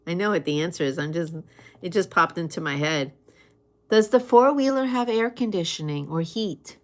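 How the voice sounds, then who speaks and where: A woman chatting casually in an unhurried, conversational way, with pauses as she replies to listeners. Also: lowish voice, lively intonation. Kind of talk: casual chat.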